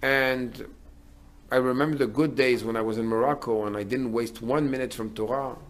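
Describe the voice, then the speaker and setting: A middle-aged male rabbi delivers a sermon in a voice of ordinary pitch for a man. He talks earnestly and builds up to emphatic declarations. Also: fairly even intonation, moderate pace.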